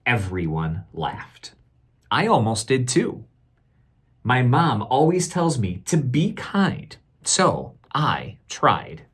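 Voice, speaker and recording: Husky and medium-pitched, a man reads a children's picture book in the manner of a teacher, putting expression into it, keeping a deliberate pace, and pausing for questions to the young ones.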